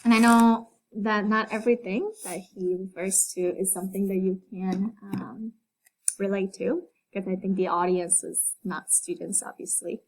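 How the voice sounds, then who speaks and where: A woman with a mid-pitched voice reads a devotional aloud from home in an unhurried way. When she leaves the text she speaks casually, pausing often with fillers and restarts. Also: fairly even intonation, low-quality recording. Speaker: devotional leader. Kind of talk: reading a devotional aloud, then casual reflection.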